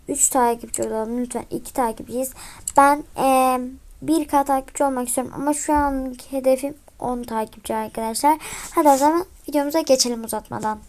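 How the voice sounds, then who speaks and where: High-voiced young woman gaming vlogger. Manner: chatty, excitable, often mutters quietly. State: slightly sick voice. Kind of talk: casual gameplay commentary.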